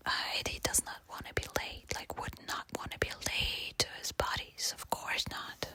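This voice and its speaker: A woman whispering quietly, as if at night, telling a casual, sweary, exasperated personal story in ASMR style. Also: moderate pace. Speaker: storyteller sharing a personal anecdote.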